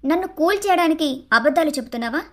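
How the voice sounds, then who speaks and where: Cartoon story: a woman as a blunt, scolding young wife, high voice. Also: animated, fast talker, a bit bright. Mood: indignant. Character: young married woman, sharp-tongued and feisty. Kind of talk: Telugu storybook cartoon dialogue.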